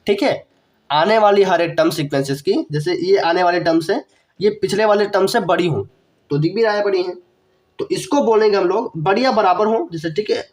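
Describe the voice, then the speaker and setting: Young man, fairly high voice, slight cough, math teacher, step-by-step lecture, repeats phrases. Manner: explains step by step, repeats key phrases, asks questions to the viewer. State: has a cough, feeling unwell. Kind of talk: recorded online lecture.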